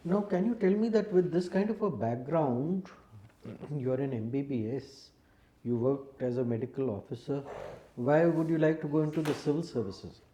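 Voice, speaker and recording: Calm male interviewer in a roomy room. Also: fairly high pitch. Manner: measured, calm, questioning. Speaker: interview panelist. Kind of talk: formal mock interview questioning.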